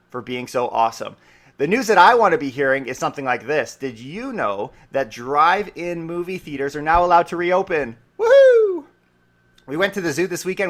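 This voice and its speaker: An upbeat man from Canada with a Canadian accent, his voice sitting a touch higher than most men's. He hosts his own daily podcast as a real estate broker, talking alone to listeners in a chatty way and slipping in casual asides. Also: fairly bright tone. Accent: Canadian English. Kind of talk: solo daily podcast monologue.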